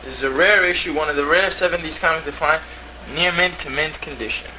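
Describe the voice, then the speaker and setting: A man's voice: a little high, fast, recorded from a distance. Man on a hissy old VHS home tape. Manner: put-on presenter voice. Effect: old VHS home video tape. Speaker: presenter of a comic collection. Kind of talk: mock TV-presenter showing comics. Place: home, indoors. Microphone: camcorder mic across the room.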